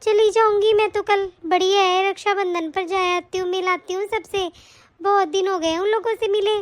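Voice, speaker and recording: A soft-spoken, modest old aunt in a cartoon story, as a woman puts her on. She talks affectionately and humbly, in a very high voice. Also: fairly even intonation, moderate pace. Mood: content. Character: elderly aunt, humble and gentle. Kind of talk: animated story voice acting.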